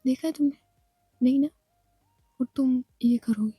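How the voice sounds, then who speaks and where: A woman's voice: high-pitched, a little slow, mellow, breathy edge, no echo, soft background music, exaggerated voice. A woman whispering as a teasing injured young woman. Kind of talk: whispered role-play.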